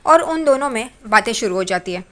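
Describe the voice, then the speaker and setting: Woman casually retelling an episode, fairly high voice. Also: brisk. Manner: plain, steady retelling with simple linking words. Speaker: serial episode recapper. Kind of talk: casual spoken story recap.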